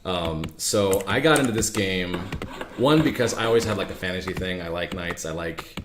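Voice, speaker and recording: A man's voice: deep voice, normal speed. A man hosting a casual gameplay chat, explaining strategy in a loose, laid-back way with casual swearing. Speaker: host explaining a strategy game. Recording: echoey room with noise behind.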